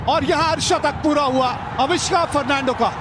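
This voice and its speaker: A man giving excited live cricket match commentary, exclaiming over the play. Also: very high voice, normal speed, noisy background.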